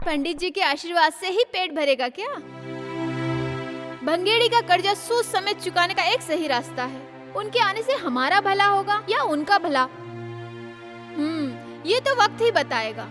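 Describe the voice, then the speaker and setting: A woman's voice: extremely high pitch, lively intonation, unhurried, music in the background. A woman dubbing a sarcastic young village daughter in a Hindi film dub. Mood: teasing.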